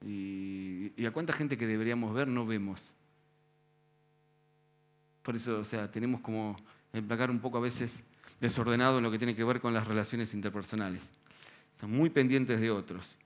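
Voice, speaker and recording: A male preacher with a Rioplatense accent delivers a sermon in a relaxed, chatty register. He drops in slang and piles up rhetorical questions aimed straight at the congregation. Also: fairly low pitch, moderate pace, long pauses. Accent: Rioplatense Spanish.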